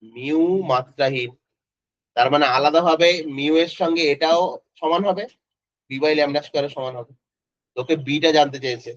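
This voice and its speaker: A man's voice: a little high, a bit bright, dry recording. A male physics tutor, teaching an online class in a casual way and quizzing students by name. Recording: dry, slightly dull lo-fi audio.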